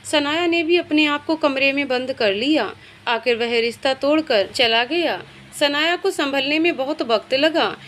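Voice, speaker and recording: A woman narrating a scripted story in a steady, plain storytelling manner. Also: high-pitched, measured pace, a little hiss or hum.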